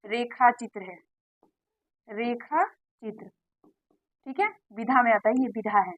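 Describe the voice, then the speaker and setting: Woman teacher, high voice, dry close sound, drills exam answers by repetition. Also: brisk, fairly bright tone, no room sound, lo-fi sound. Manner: repeats questions and answers to drill points. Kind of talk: exam-prep lesson.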